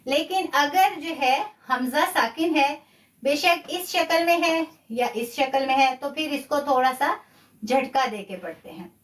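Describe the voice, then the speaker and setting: A woman's voice: high voice, expressive, a little slow, roomy sound, far from the mic. A woman with a Pakistani Urdu accent, patiently teaching a live online Quran recitation lesson, repeating key points and praising her students' answers.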